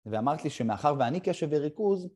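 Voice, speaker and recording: A middle-aged man hosting a conversation and telling a personal story, haltingly, with short pauses. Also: a little high, lively intonation, a little mellow. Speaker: podcast host. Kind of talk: casual conversation.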